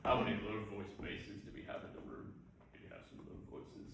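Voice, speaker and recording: A man teaching barbershop song parts to an audience, unhurried, singing example notes between his explanations. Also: fairly low pitch, flat delivery, noisy background. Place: hall with an audience. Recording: echoey hall, distant mic.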